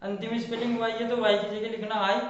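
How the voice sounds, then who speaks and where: High-voiced man teaching grammar, echoey and distant. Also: little pitch movement, quick pace, slight background noise. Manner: spells out words letter by letter, asks and answers own questions. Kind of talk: classroom explanation. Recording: echoey, distant, dull room sound.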